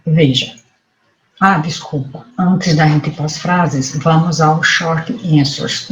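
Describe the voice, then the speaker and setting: Slow, patient Brazilian teacher in echoey room. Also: medium pitch. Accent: Brazilian Portuguese. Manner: patient, repeats points, corrects themself. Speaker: English teacher. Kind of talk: remote classroom lesson. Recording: echoey room, dull lo-fi sound, faint noise.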